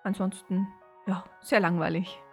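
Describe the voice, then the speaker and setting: A woman's voice: medium pitch, fairly even intonation, unhurried, a little mellow, soft background music. A woman in her thirties co-hosting a casual podcast, breaking into laughter often. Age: 30s. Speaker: podcast co-host.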